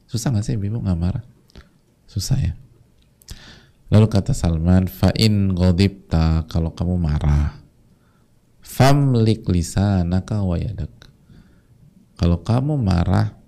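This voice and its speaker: A man's voice: low voice, vocal fry, dark tone. A male preacher giving a casual, chatty sermon to a congregation, sometimes briefly mimicking the voices of his listeners.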